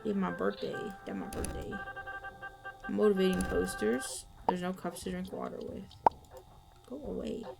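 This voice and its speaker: A young woman streaming a game from home, chatting casually, muttering and reading on-screen text aloud with quick reactions. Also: medium pitch, fairly even intonation, vocal fry. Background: background music and keyboard typing.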